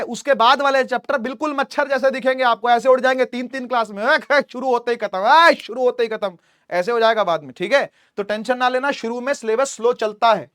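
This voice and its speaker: A man's voice: very high voice, fairly bright tone, clear, resonant tone, no room sound, clean studio sound. A man teaching a physics class online, chatty and repetitive, often checking that students follow. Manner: chatty, addresses students as beta, repeats "theek hai".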